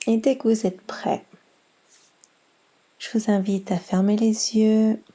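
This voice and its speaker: A woman leads a guided yoga nidra relaxation meditation, speaking in a soft, breathy, mid-range voice. Her instructions come slowly, calm and soothing, with long pauses between them.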